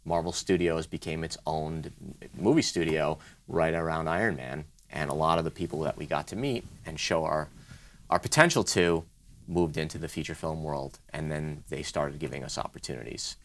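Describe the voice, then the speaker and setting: A man with a deep voice talks as a guest in an interview. He is conversational and explanatory, laying out his story step by step and often piling up short lists. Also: normal speed. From Brooklyn, New York. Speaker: interview guest, design studio co-founder.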